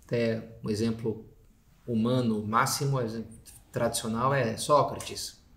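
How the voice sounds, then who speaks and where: A man's voice: mid-range voice, fairly even intonation, measured pace, a bit bright. Priest guy chatting through a meditation, slangy, lots of "né?", mid voice, echoey room. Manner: conversational, with slangy asides and many "né?" tags. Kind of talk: spoken meditation sermon.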